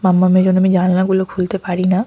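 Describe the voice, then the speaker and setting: A young woman with a cold and a sore throat, speaking softly in a vlog voice-over, sniffling now and then. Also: fairly low pitch, completely flat delivery, rapid-fire, slightly rough. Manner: speaks softly and quietly at night. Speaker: lifestyle vlogger. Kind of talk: soft-spoken vlog voice-over.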